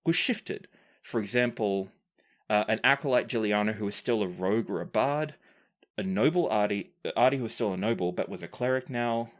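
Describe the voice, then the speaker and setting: A man with a mid-range voice hosts a podcast as the game master, reading out listener questions and answering them in measured, deliberate phrasing.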